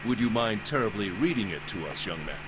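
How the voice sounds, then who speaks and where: A man voicing a calm, formal older gentleman who speaks politely. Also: on the low side, a little fast, noisy background, voice pushed down, lightly acted. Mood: courteous.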